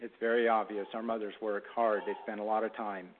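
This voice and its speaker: A man preaching a Mother's Day sermon in a halting way, with restarts and throat clearing, reading a story to his congregation. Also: on the low side. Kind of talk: sermon with a read-aloud story. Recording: tinny phone-like sound.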